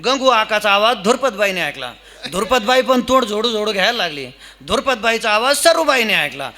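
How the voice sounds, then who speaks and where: A man's voice: high voice, sing-song, fairly quick, crowd noise. A man preaching a humorous devotional kirtan sermon, telling a village story and chanting verses.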